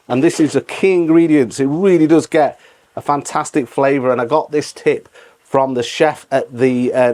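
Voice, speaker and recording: A man's voice: mid-range voice, a little mellow. A middle-aged man hosting a casual step-by-step cooking tutorial, repeating phrases for emphasis. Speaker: cooking channel host.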